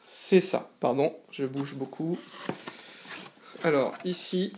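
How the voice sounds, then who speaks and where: A man's voice: on the high side, takes it slowly, a little mellow. Tired guy unboxing stuff on his couch, eager and chatty, lots of ums, faint hiss behind. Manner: eager, chatty, frequent hesitations. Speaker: channel host. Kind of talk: casual unboxing vlog. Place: on a small sofa indoors.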